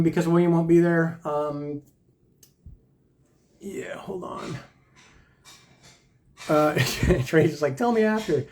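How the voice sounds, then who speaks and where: A man's voice: fairly high pitch, poor audio. Man hosting a rambling live stream. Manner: rambling, reads viewer comments aloud. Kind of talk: casual live stream chat.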